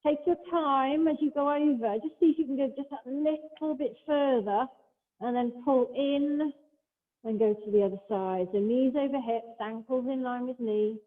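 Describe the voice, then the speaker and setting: A woman leading a Pilates class, giving calm step-by-step cues mixed with chatty asides. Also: high-pitched, moderate pace. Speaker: Pilates instructor. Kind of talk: guiding an exercise class. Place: large hall, class streamed over a video call. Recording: echoey hall over a thin phone-like line.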